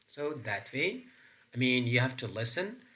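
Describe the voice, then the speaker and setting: A man with an Afghan accent gives a recorded English lesson in a bright, forceful voice at a middle pitch. He explains patiently and step by step, often pausing on fillers and restarting his sentences. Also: very animated. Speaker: English teacher.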